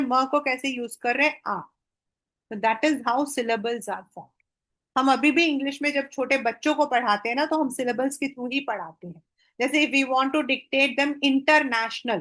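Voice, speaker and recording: A woman's voice: sits high, a bit bright. A woman teacher with an Indian accent giving a history lesson, moving between Hindi and English and drawing out the English phrases. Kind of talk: exam-prep history lesson.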